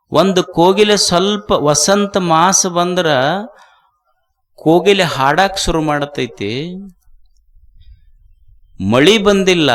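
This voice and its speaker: A man speaks in a devotional discourse. His voice sits a little high, and he talks at a very unhurried pace. He builds his points through slow, rhythmic repetition. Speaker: spiritual speaker.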